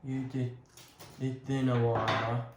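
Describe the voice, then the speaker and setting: Slow, hesitant man in an echoey room. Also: mid-range voice, little pitch movement, very noisy. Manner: hesitant, many ums, talks himself through each step. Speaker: crafting vlogger. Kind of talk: casual talk while working on a bonsai. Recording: roomy echo.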